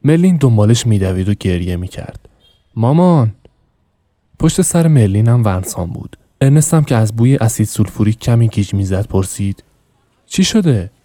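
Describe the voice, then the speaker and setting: A man reads a novel aloud as a podcast narrator in an even, measured way. His voice is fairly low and mellow. The recording is dry and close, with no room sound. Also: no echo.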